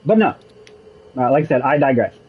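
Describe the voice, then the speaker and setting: A man's voice: medium pitch, lively intonation, brisk, slightly rough, narrow, tinny audio. A man streaming a video game, musing and digressing in casual commentary. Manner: musing, digressive, with frequent restarts. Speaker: gaming streamer. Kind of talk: casual rambling commentary over gameplay.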